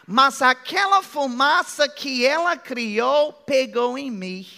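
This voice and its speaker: A middle-aged man with an American accent, preaching a sermon as pastor in a joking, conversational way with drawn-out phrases. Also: very high voice, expressive, creaky, pushed and bright. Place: church hall. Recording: long hall reverb.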